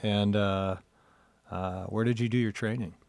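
A man hosting a podcast interview, asking questions in a casual, chatty way with halting restarts. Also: fairly low pitch, fairly even intonation, vocal fry, a little mellow, dry recording. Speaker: podcast host. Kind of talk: interview conversation.

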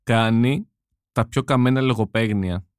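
Co-host: man, mid pitch, wisecracking interjections, dry close mic. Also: clean tone, dry recording. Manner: joking, quick interjections, mixes in English slang. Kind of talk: casual chat.

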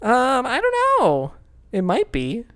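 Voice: mid-range voice, huge pitch swings, slow. A podcast host in casual comedic chat, playfully recapping a plot and riffing on silly bits.

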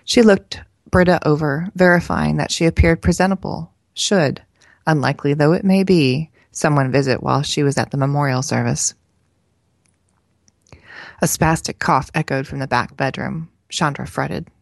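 A woman podcast co-host reading a novel excerpt aloud with steady, even narration. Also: low-pitched, moderate pace, creaky, dry recording.

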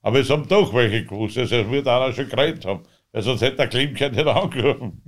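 A man with an Austrian accent, the interviewee, telling his own story in a rambling, halting way with loose dialect grammar. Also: medium pitch. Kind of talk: conversational storytelling.

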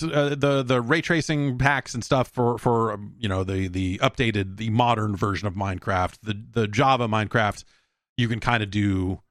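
On the low side, this male podcast host talks about video games by himself in a relaxed, conversational way. The sound is clean studio quality with no echo, and he rambles with wry asides and acts out imagined exchanges.

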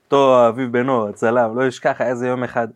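A man appearing as a guest on a podcast, explaining body language with lively acted-out examples and sound effects. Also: mid-range voice. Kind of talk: podcast interview chat.

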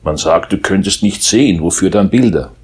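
A big, kindly old Christmas bear, as a man reading a storybook plays him speaks in a deep, very husky voice. He grumbles gently in a fatherly way. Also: moderate pace.

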